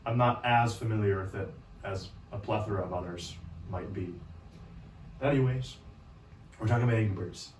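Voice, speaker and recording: A hoarse man hosting a gaming video, chatting casually in a rambling, self-deprecating way with lots of fillers. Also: on the low side, moderate pace, long pauses, darkish tone, slight background noise. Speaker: gaming channel host. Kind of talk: casual gameplay chat. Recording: roomy echo, distant mic.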